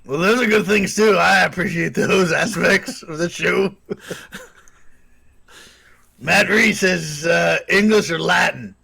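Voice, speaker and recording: A man's voice: sits high, takes it slowly, creaky, pauses often, pushed and bright, slightly rough. A man co-hosting a casual livestream chat, joking around and laughing often. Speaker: co-host of a livestream.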